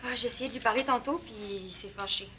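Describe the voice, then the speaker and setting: A young woman with a Quebec French accent playing an eager teenage girl who pushes and gets excited easily. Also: a little high, fast talker, background noise, lightly acted. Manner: excited, pushy.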